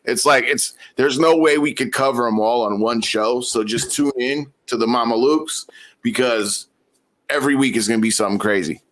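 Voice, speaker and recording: Podcast host dude, rambles with lots of likes and you knows, hyped up. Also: male voice, mid-range voice, normal speed, fairly bright tone. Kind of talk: casual chat.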